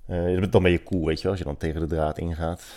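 Deep-voiced man hosting a solo podcast. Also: little pitch movement, quick pace, dark tone. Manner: opinionated, argumentative, many hesitant fillers. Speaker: podcast host. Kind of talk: solo opinion podcast monologue.

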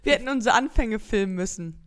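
A woman's voice: a little high, expressive, quick pace. A young woman co-hosting a podcast, talking casually, laughing between thoughts and hedging with fillers. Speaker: podcast co-host.

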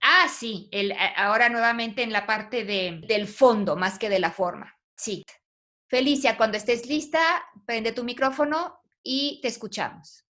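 A woman's voice: fairly high pitch, a little slow, pushed and bright. A woman teaching a poetry class online, patiently quizzing her students. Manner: patient, asks the class questions.

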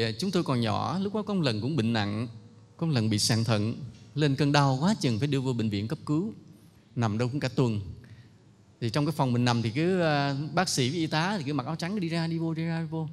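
A man speaks at a middle pitch, telling stories in an unhurried, gently reflective way. His voice rings with a long reverb, as if heard in a large hall. He speaks as though giving a moral talk.

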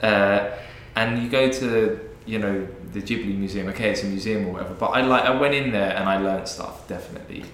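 Low-voiced chatty man in an echoey room. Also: a little fast, hardly any pauses, fairly bright tone. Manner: loose and chatty, swears casually. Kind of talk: casual chat. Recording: roomy echo, faint noise.

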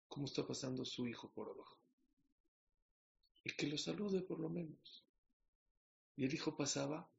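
Gravelly preacher. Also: male voice, mid-range voice, muffled recording. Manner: storytelling with questions to the audience. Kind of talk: sermon.

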